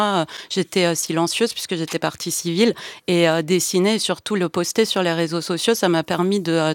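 A woman's voice: lowish voice, dry recording. A woman from Iran, a comic author being interviewed, answering with many hesitations and fillers. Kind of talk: interview answers, reading aloud.

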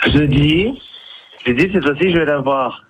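A man's voice: a little high, a little slow. A man calling in to a radio game on speakerphone, repeating himself with determination. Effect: on speakerphone over a phone line. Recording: noisy distant phone line.

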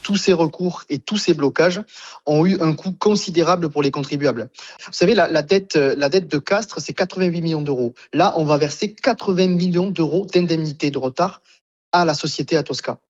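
A man's voice: a little high, fairly quick, darkish tone. Emphatic male mayor, dull lo-fi sound. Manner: emphatic, conversational with fillers. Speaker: town mayor. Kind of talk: news sound bite.

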